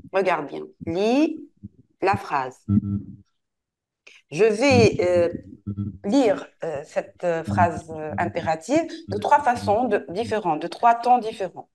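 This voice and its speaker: A woman teacher leads a French lesson. She speaks patiently at a mid pitch, repeating and slowly modeling words so the pupil can follow. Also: a little mellow.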